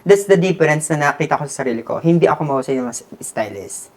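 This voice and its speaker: A man's voice: on the high side, expressive, quick pace. A man with a Filipino accent, a hair stylist and guest, telling his story in a casual interview and switching between Tagalog and English.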